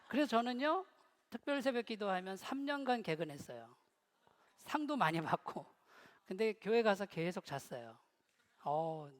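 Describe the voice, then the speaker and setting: Middle-aged male pastor, high voice, humorous storytelling sermon, long hall reverb. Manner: humorous storytelling, joking with the congregation. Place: church hall.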